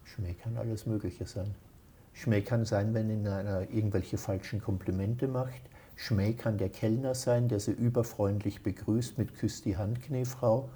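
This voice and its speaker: Austrian guy, 60s, dark mellow voice, laid-back, explains stuff matter-of-factly. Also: lowish voice, moderate pace. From Austria, near Vienna. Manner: explains at length, relaxed and matter-of-fact. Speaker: interview guest. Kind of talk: casual interview.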